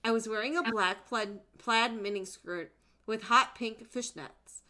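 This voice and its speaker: A woman's voice: fairly high pitch, measured pace, pushed and bright. A young woman streamer giving a comedic dramatic reading of narration, often breaking into laughter. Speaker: streamer hosting a group reading.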